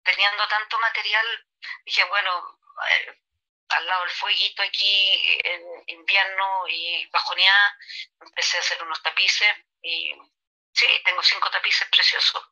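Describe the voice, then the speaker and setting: A middle-aged Chilean woman artist, chatting casually and warmly in a remote interview with a Chilean accent, laughing easily. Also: medium pitch, steady tone, a little slow, rough recording. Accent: Chilean Spanish. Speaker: artist guest.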